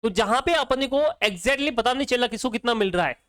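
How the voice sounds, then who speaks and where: A man's voice: very high-pitched, a little fast, a bit bright, no room sound. A male accounting teacher, lecturing casually and quizzing students with repeated questions. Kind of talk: exam-prep lecture.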